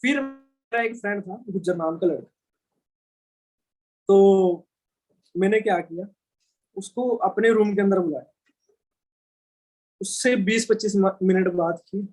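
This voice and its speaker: High-voiced young man telling a lively story. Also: unhurried, long pauses, rough recording. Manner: animated, colloquial retelling with frequent tag questions. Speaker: speaker at a business training session. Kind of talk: storytelling talk to a live audience.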